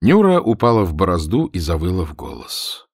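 A man narrating humorous prose as an audiobook reader, telling it with expressive irony. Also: low voice, a little fast, creaky, slightly rough, no echo, clean studio sound. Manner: expressive, ironic storytelling.

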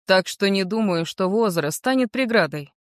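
A woman's voice: mid-range voice, lively intonation, moderate pace, dry recording, studio quality, lightly acted. A woman reading as an earnest young man. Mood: earnest, warm. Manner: sincere, gently persuasive. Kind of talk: audiobook character reading.

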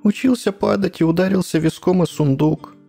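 A man's voice: on the high side, a little fast, warm tone, faint music behind, pitched above the performer's own voice. A man voicing an anxious young actor's wife pleading for help.

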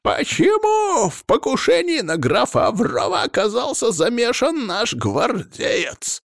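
A man voicing a furious, domineering old male clan head who yells and scolds down the phone. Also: medium pitch, big pitch swings, normal speed, gravelly, no echo, clean studio sound, pitched above the performer's own voice, full character voice. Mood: furious scolding.

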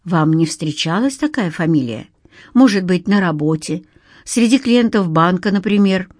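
A woman voicing a calm, unflappable male detective in an audiobook, speaking in an even, measured way. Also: lowish voice, no room sound, studio quality.

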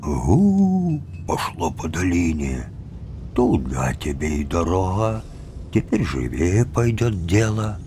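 A man reading a folk tale aloud with theatrical, lively intonation. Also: low voice, slow pace, slight background noise. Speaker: narrator. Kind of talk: expressive storytelling reading.

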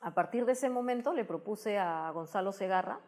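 A woman with a Peruvian Spanish accent, a science communicator appearing as an interview guest, gives explanatory, conversational answers and often ends phrases with a tag question. Her mid-range voice is a little mellow, and she speaks at a moderate pace.

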